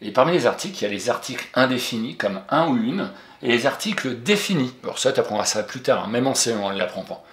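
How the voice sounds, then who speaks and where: A man's voice: medium pitch, expressive, fast, few pauses, a bit bright. Patient man teaching spelling, roomy sound. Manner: patient and encouraging, spells out letters. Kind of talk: spelling lesson for a young pupil. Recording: roomy echo.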